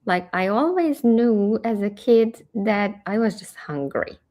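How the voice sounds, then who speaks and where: A woman's voice: medium pitch, animated, takes it slowly, mellow. A woman from Hungary, a career coach chatting animatedly in an interview with frequent restarts. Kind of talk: casual interview chat.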